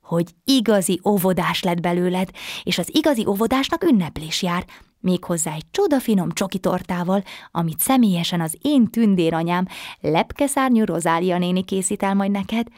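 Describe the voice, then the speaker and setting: A woman voicing a small, cheerful, helpful fairy with butterfly wings in a bedtime story, speaking brightly and encouragingly. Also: on the low side, animated, no echo, clean studio sound, lightly acted.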